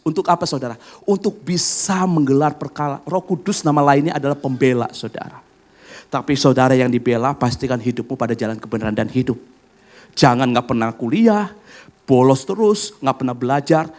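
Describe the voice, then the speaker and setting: A middle-aged man preaching a sermon as pastor, lively and acting out family conversations while addressing the congregation directly. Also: medium pitch. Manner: animated preaching, acts out family dialogue, addresses congregation as "saudara".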